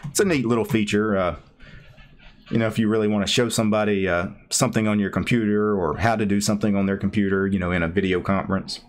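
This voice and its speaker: A man with a fairly low voice hosts a casual open chat over a video call. He explains things in a relaxed, meandering way, with lots of "uh" and "you know" along the way. His speech sounds like it was picked up by a desktop mic. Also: fast. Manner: relaxed, rambling with fillers. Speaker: host.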